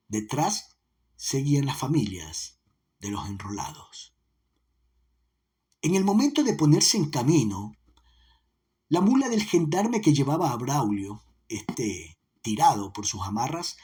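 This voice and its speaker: A man reads a literary story aloud as narrator, in a dramatic and varied way. His voice is husky. His pitch moves in animated swings. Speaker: audiobook narrator. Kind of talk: expressive audiobook narration.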